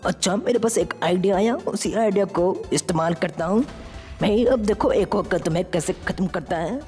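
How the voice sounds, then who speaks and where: A woman's voice: medium pitch, moderate pace, a little mellow, close to an everyday voice. A woman voicing an eager young alien-changing hero. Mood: determined. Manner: eager, earnest, talks to himself while acting. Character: brave young male hero who turns into aliens. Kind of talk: fan-made game story dub. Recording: reverberant with faint music.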